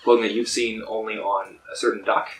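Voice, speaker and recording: A man narrating a tabletop game as game master, describing scenes in an unhurried way with frequent pauses. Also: lowish voice, flat delivery, a bit bright, distant mic. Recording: echoey room with faint noise.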